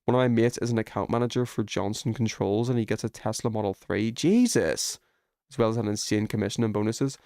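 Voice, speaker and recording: During a live stream of a video game, a man chats casually and thinks out loud through puzzles in an informal way. His voice sits on the low side, a little mellow and fairly quick, in a dry, studio-quality recording.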